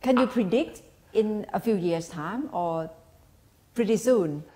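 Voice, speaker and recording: A woman's voice: medium pitch, lively intonation, takes it slowly, dark tone. A woman interviewer putting questions in a formal interview.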